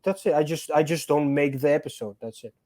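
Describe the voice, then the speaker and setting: Earnest higher-voiced male guest. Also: brisk, warm tone. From born in Georgia, raised in Greece. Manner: earnest, repeats words while finding phrasing. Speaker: guest actor and stuntman. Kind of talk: casual interview chat.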